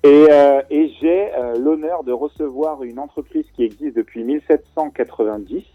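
Casual male radio guest, halting delivery, thin dry phone-line sound. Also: a little high, no room sound, soft background music. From France. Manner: hesitant, many fillers and restarts. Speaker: guest, event organizer. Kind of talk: radio talk show chat.

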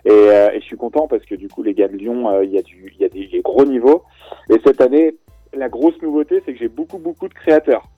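Casual male radio guest, halting delivery, thin dry phone-line sound. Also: mid-range voice, slightly rough, no echo, faint music behind. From France. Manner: hesitant, many fillers and restarts. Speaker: guest, event organizer. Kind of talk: radio talk show chat.

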